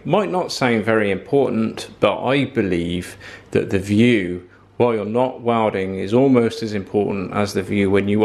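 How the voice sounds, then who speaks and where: A man's voice: lowish voice, a little mellow. A man, giving a casual, practical tool review from his home workshop. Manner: plain-spoken, practical, advice-giving. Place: home workshop with tools on the wall.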